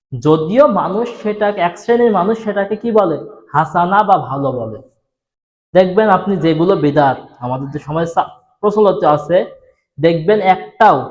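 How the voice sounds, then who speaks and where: A man preaching a sermon to a gathered audience, speaking softly into a microphone and asking them rhetorical questions. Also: high voice, reverberant. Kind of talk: Bengali Islamic sermon. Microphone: microphone on a PA system.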